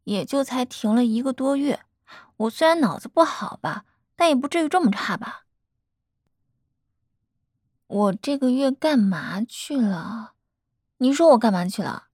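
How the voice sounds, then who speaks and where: A woman's voice: high voice, lively intonation, a little slow, long pauses, darkish tone, breathy edge, no echo, clean studio sound. A young woman in a girlfriend role-play, talking tenderly, coaxing and teasing a partner.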